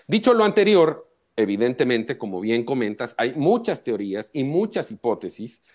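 A man, a journalist guest on a live talk show, giving measured and emphatic analysis. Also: medium pitch, big pitch swings, a little mellow.

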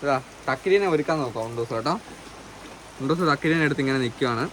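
A man's voice: medium pitch, fast talker. A man, chatting to camera as a family vlogger at home during heavy rain. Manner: chatty, tells the family news with a laugh. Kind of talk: casual vlog chat to camera. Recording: outdoor mic with loud noise.

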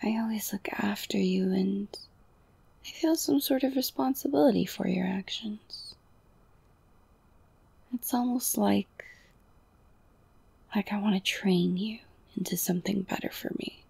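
A young woman whispering an intimate ASMR roleplay, slow and soothing, softly domineering and coaxing. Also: medium pitch, vocal fry, husky, dry recording. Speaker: audio roleplay performer.

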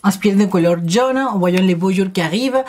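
An energetic woman chats her way through a makeup tutorial. She speaks straight to her viewers in a casual, expressive, friendly manner. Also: medium pitch, a little fast, slight background noise. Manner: addresses viewers directly. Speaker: beauty vlogger.

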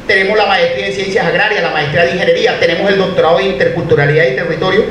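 High-voiced Colombian Caribbean man in echoey hall. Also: fairly even intonation, rapid-fire, fairly bright tone. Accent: Colombian Caribbean Spanish. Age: middle-aged. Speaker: university official giving a speech. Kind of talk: public speech at a formal event. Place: indoor hall, at a podium. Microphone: podium microphones, heard from a distant camera. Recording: echoey hall, distant mic, faint noise.

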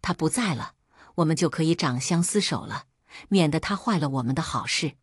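A woman's voice: deep voice, expressive, fairly quick, breathy edge, no room sound, clean studio sound. A woman doing a jealous scheming concubine. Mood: cold. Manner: sweet-tongued turning cold and sneering. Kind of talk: storytelling voice acting.

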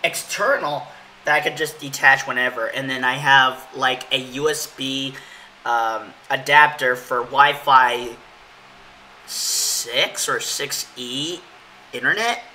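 A man with a hoarse voice giving casual, rambling, opinionated gaming commentary as channel host. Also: medium pitch, slow, bright, forceful tone, slight background noise, rough recording. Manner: rambling, filler-heavy, opinionated. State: hoarse from yelling.

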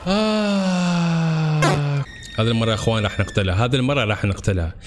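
A young man giving let's-play commentary, talking straight to his viewers and shouting and repeating himself in tense moments. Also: fairly low pitch, rapid-fire, heavy background noise. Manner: excitable, talks to viewers as "brothers", yells and repeats himself under pressure. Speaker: gaming channel host. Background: game music.

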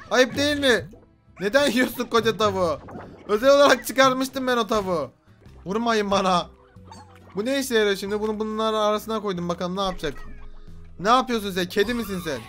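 High bright guy freaking out over his game, yelling at stuff, some music in the back. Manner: frantic, yelling and swearing at creatures. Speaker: gaming YouTuber. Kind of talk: excited let's-play commentary.

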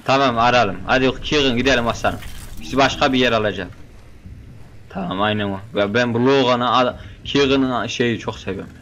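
A man's voice: mid-range voice, moderate pace, fairly bright tone. A young man giving casual, joking commentary while playing a shooter game, bantering with the characters on screen. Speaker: gameplay commentator.

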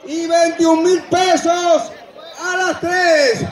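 A Dominican man auctioneers in a very high, projected voice, repeating bids and pressing the buyers. His delivery is slow and drawn out, and it echoes over an outdoor PA with a crowd around. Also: little pitch movement. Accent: Dominican Spanish. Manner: loud, insistent, projecting to a crowd. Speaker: livestock auctioneer. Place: open-air livestock show ring among a crowd. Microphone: public-address microphone, picked up by a spectator's camera.

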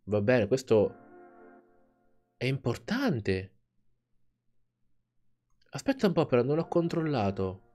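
A man hosting a let's play, giving gaming commentary with animated reactions and laughter. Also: mid-range voice, takes it slowly, pauses often, soft background music.

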